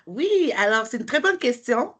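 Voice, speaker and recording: A friendly woman with a Quebec French accent answers interview questions in a fairly high voice. She hesitates often, filling her pauses with fillers and restarts. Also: sing-song, a bit bright. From Montreal. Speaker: guest, mortgage broker.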